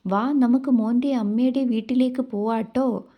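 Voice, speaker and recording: A sly male thief, voiced by a woman narrator sweet-talks a child he has snatched in a devotional story. His manner is coaxing and wheedling. The voice stays mellow. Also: on the high side, fairly even intonation, normal speed, lightly acted.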